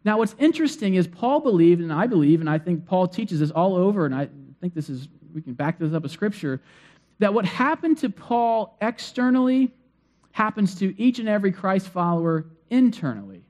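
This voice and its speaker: A man's voice: sits high, very animated, normal speed, darkish tone. A man preaching a sermon in a conversational way, with frequent fillers and restarts. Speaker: pastor.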